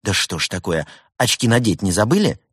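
A man's voice: lowish voice, big pitch swings, brisk, slightly rough, dry recording, studio quality, exaggerated voice. A man voicing a cheerful young male tech-support worker with an eager, helpful manner. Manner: chirpy, eager, bright helpful phone manner. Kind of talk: audiobook character voice.

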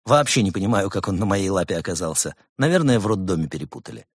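A man's voice: sits low, sing-song, quick pace, husky, no room sound, clean studio sound, full character voice. A man voicing a dim-witted, rambling male lion working as a guide.

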